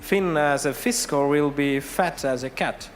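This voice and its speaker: A man's voice: on the high side, a little slow, a little hiss or hum. A man hosting a live on-site interview, asking playful, joking questions. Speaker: event host and interviewer. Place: large competition hall. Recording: reverberant arena hall.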